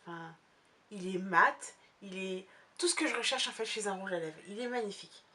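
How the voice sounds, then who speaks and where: Chatty, bright-voiced young woman vlogger. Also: mid-range voice, normal speed, a little hiss or hum. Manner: chatty, rambling, many fillers and restarts. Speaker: beauty vlogger. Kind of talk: casual makeup haul review.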